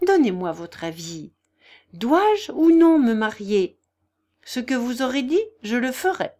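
A haughty young society hostess in a storybook reading, put on by a woman narrator. She speaks high and loud, with commanding authority and slow, deliberate weight. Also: very animated. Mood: imperious.

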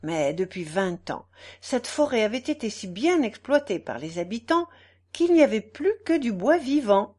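Sex: woman. Role: audiobook narrator. Style: scripted narration of a classic novel. Delivery: expressive, measured, lively pitch.

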